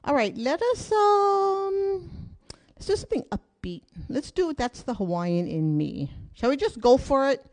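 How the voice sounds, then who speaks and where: This hula teacher's voice sits high with a darkish tone and large pitch swings, and she talks a little slowly. Leading an online class from a curtained indoor room, she stays upbeat and chatty, calling steps, counts, and questions to viewers.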